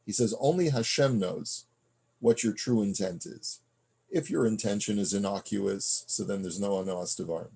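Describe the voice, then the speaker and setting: In a text study class, a man with a gravelly, low, mellow voice speaks at a normal speed. He reads Hebrew passages out loud, explains them in everyday conversational English, and frequently uses fillers, restarts, and check-ins with the listener.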